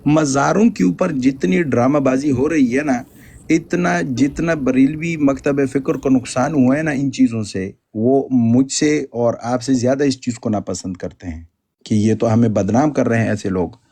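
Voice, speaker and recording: A man's voice: mid-range voice, dark tone. A man giving emphatic, polemical religious commentary, often stammering and repeating words.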